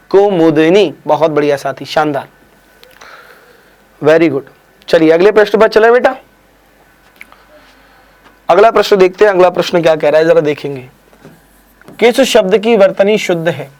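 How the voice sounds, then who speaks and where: A man with a high-pitched voice leads a live online exam quiz. He spells words out slowly and deliberately, then moves on with quick praise and teasing. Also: a little mellow. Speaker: Hindi exam teacher.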